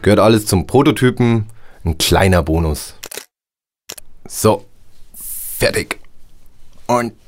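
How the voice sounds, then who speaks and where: An actor playing a businesslike male housing-company system administrator who talks briskly and brushes off complaints. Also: lowish voice. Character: smooth male company technician, brisk and dismissive.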